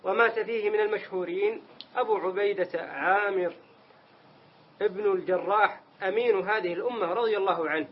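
A man's voice: sits high, a little fast. A man reading religious texts aloud in a lesson, careful and formal, stopping now and then to ask the teacher a question. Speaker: student reading the text aloud. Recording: dull lo-fi sound with faint noise.

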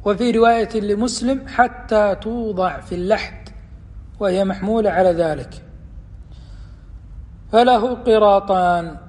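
A man giving a religious lesson, explaining hadith in a measured, deliberate way and slowing down for quotations. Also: sits high, darkish tone. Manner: measured, deliberate explanation with slow quoted passages. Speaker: Islamic teacher. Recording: long hall reverb.

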